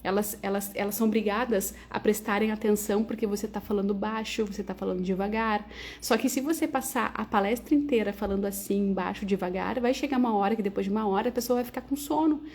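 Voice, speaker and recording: A woman teaches public speaking in a lively, conversational livestream, tagging her sentences with "né" and "tá". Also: mid-range voice, quick pace, a little hiss or hum.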